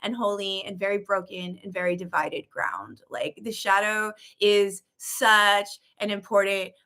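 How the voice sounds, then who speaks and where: Gushy spiritual lady hosting a live chat, keeps repeating herself, bright voice. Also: mid-range voice, level tone, unhurried. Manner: effusive and gushing, repeats words for emphasis; earnest, uplifting. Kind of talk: casual live-stream talk to viewers.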